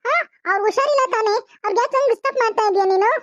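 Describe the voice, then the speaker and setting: A woman's voice: very high-pitched, rapid-fire, no echo, dull audio. A woman voicing a snobbish young city woman who talks in a haughty, scolding manner in a cartoon. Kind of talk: cartoon voice acting.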